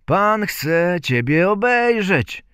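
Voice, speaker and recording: A man voicing a humble, loving old peasant father in a folk tale, speaking in a gentle, pleading way. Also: high-pitched, huge pitch swings, very slow, gravelly, dry recording, studio quality, pitched above the performer's own voice, exaggerated voice.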